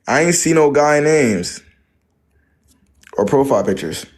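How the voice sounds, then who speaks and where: A man's voice: a little high, animated, a little slow. A young American man hosting a casual live advice chat, blunt and slangy, repeating phrases for emphasis. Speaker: live stream host giving dating advice.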